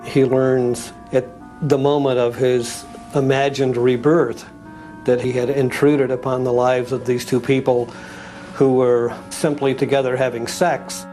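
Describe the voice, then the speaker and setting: A man's voice: medium pitch, flat delivery, unhurried, warm tone, soft background music, low-quality recording. A man commenting as an expert in a documentary interview, thoughtful and reflective with small repetitions.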